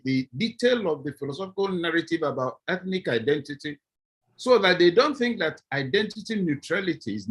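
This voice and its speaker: On a video-call panel, a professor from southeast Nigeria, middle-aged and with a Nigerian accent, argues animatedly and acts out little scenes. His pitch is fairly high and his voice has a breathy edge.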